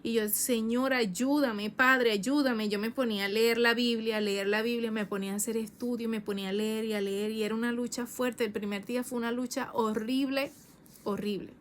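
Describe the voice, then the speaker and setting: A woman evangelist in her thirties giving a fervent personal testimony, repeating phrases and rising high in pitch when emotional. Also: little pitch movement, brisk, slight background noise.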